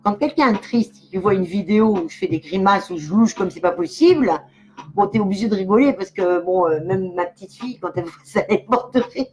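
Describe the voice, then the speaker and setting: A woman's voice: mid-range voice, expressive, brisk, a little mellow, rough recording. An older woman, a clairvoyant medium, chatting casually and giggling as she talks straight to the viewers of her live stream.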